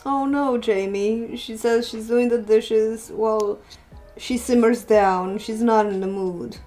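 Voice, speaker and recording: A woman's voice: a little high, fairly even intonation, slow, warm tone, soft background music. A woman chatting casually on a livestream while painting, laughing often and poking fun at herself. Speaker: streamer painting a mural.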